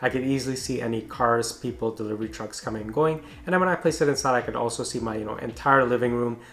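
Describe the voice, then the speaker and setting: A man with a mid-pitched voice narrates a product review. He explains things informally, in an easy conversational style. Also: quick pace, a bit bright.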